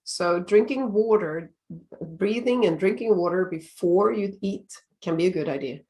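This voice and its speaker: A middle-aged woman from Sweden with a Swedish accent, giving calm, measured advice in a short video talk about healthy eating. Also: fairly low pitch. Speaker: time-management coach.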